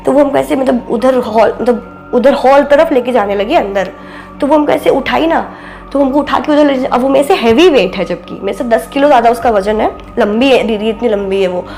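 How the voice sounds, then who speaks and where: A young woman with a soft, babyish voice, telling a story as a podcast guest and acting out what people said. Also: fairly high pitch, brisk, soft background music. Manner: animated, acts out quoted speech, mixes in English words. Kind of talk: casual spoken storytelling.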